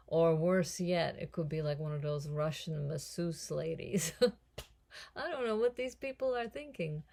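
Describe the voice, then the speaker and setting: A woman in her sixties runs a casual home cooking vlog from her kitchen. Her voice is low, mellow and gravelly, and she talks slowly. She is chatty and self-mocking and laughs often. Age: 60s. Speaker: cooking vlogger and actress.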